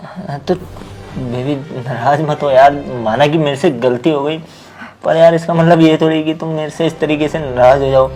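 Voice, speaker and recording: A man playing a smooth-talking young boyfriend in a scripted drama, with a coaxing, casual way of talking. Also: fairly high pitch, fairly even intonation, moderate pace, darkish tone, natural voice. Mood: apologetic.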